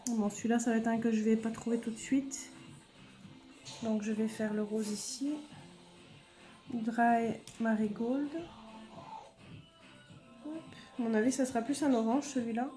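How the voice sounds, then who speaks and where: Craft host: woman, fairly high voice, slow and mellow, chatty and self-muttering. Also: fairly even intonation, faint music behind. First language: French. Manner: chatty, muttering to herself while searching. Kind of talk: casual craft demonstration.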